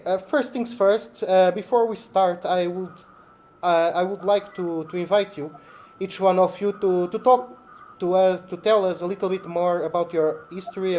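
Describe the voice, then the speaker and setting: A man with a somewhat high but mellow voice moderates a panel. He hesitates often and fills pauses with "uh". There is faint noise behind him. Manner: hesitant, with many fillers.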